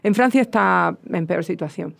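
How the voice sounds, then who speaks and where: Her voice is lowish with vocal fry, at normal speed, and carries a southern Spanish accent. This guest expert explains things at length in a casual chat, full of fillers and frequent restarts.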